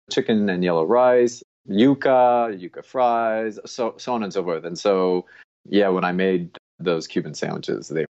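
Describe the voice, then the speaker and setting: Man in his fifties, very low voice, laughing and repeating words, casual podcast guest. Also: a little mellow, highs cut off. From Colombia. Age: 50s. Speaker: guest dietitian.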